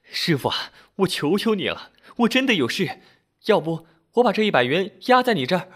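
A man voicing a desperate laid-off woman, begging in a raised, tearful voice. She is a figure in a spoken storybook, pushed well above the teller's own pitch. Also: sing-song, a little fast, pushed and bright, heavily acted. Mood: pleading.

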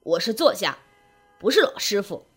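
A man's voice: high voice, lively intonation, moderate pace, darkish tone, breathy edge, soft background music, pitched below the performer's own voice, exaggerated voice. A woman voicing a pompous, touchy old male writer who speaks in an indignant, self-important way, in a spoken story.

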